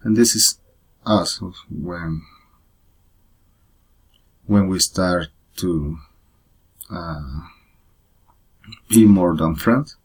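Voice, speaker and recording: Slow, deep-voiced man. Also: husky. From Costa Rica. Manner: hesitant, frequent pauses and uh fillers, learner's English. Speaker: presenter of a personal photo story. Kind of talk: halting personal presentation.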